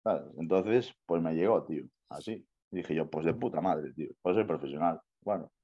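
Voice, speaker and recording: On dull audio, a young man from Spain with a deep, dark-toned voice and a Spanish accent speaks at a moderate pace. He's a bodybuilder guest sharing his story in a casual interview, swearing often, talking slangily and constantly tacking on "tío" and "¿sabes?".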